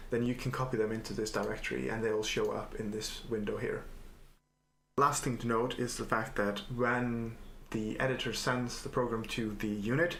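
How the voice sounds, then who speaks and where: Flat-voiced man explaining software, echoey room. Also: mid-range voice, gravelly. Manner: calm, methodical explaining with filler uhs. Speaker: software developer demonstrating his editor. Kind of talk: screen-recorded software tutorial. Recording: echoey room, faint noise.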